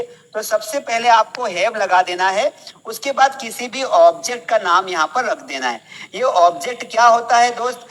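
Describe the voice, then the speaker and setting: A man's voice: high-pitched, a bit bright, big-room sound, a little hiss or hum, rough recording. Chatty Indian man teaching English. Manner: chatty, asks the class questions and answers for them. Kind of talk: live spoken English class.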